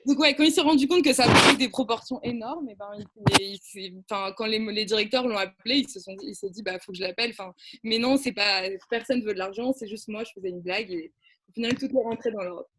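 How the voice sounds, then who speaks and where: A young woman with a fairly high voice recounts a story as a radio guest. She hesitates a lot, restarts her sentences and laughs at herself along the way. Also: a little fast, a bit bright, a little hiss or hum. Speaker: guest, camp counselor. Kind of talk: anecdote on a radio show.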